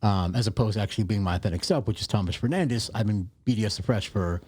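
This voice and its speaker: Fast-talking joking man, low voice. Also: a little mellow, breathy edge, no echo, clean studio sound. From Yuma, Arizona. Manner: loose, joking, storytelling with fillers. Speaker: podcast guest, artist. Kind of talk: casual conversation. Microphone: close studio mic.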